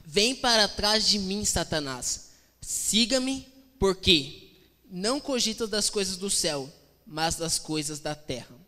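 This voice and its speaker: A blunt, commanding Jesus gives curt orders as a preacher quotes him, in a bright, forceful voice. The words ring out in a reverberant church. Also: male voice, sits high, animated, takes it slowly, exaggerated voice. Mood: firm. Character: firm, blunt male Jesus.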